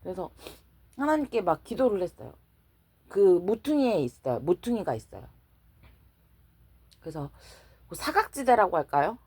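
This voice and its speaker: A woman speaks as a church deaconess telling her faith story in a relaxed, conversational way. Her pitch rises and falls with lively expression, and she laughs easily as she acts out her prayers. The recording is dry, with no room echo. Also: normal speed, long pauses, husky. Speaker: church deaconess giving testimony. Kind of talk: casual personal faith testimony.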